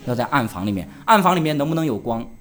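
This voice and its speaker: A man preaching a sermon, asking the congregation rhetorical questions and answering them himself, rising to loud emphasis and dropping low. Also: sing-song, quick pace. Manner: swings between loud emphasis and quiet drops. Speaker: pastor.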